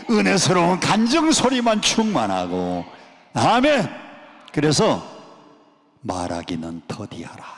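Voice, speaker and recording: A male pastor preaching a sermon, leading the congregation in call-and-response. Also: on the high side. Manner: call-and-response preaching, drawn-out emphatic lines. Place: church sanctuary at a prayer retreat. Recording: long church hall reverb.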